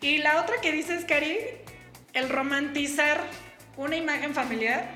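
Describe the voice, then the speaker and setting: A woman's voice: sits high, moderate pace, sharp tone. A woman with a Mexican Spanish accent, hosting a podcast, speaking casually with slang. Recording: echoey room with faint music.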